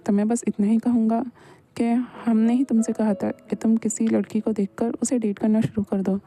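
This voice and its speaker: A woman voicing a calm, fatherly elder brother in a Hindi fan dub, giving gentle, measured advice. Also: on the high side, lightly acted. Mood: concerned.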